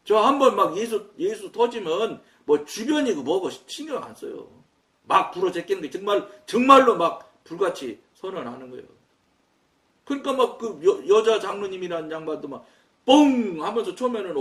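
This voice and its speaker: A man preaching a sermon, telling a story in an animated, loud way and acting out his own quoted words. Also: high-pitched, moderate pace. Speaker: pastor. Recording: echoey room, mic at a distance.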